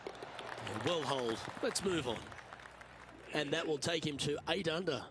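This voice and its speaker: A man's voice: fairly high pitch, normal speed, a crowd in the background, lightly acted. A man working as lead golf commentator, calling play-by-play in a broadcast style. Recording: clear background ambience noise.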